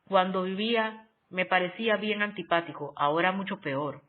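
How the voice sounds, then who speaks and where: A narrator reading a spiritual diary aloud in a measured, solemn, devotional way with long pauses. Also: medium pitch. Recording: tinny phone-like sound.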